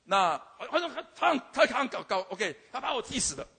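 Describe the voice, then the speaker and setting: An older man, a teacher, tells a church audience comic stories about his students, stammering through repeats and filler "OK"s. His voice is high and somewhat husky. A long reverb trails off in a large hall. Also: very animated, a little fast, pushed and bright. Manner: stammering repetitions, frequent "OK" fillers. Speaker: university teacher giving a testimony. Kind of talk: humorous testimony storytelling.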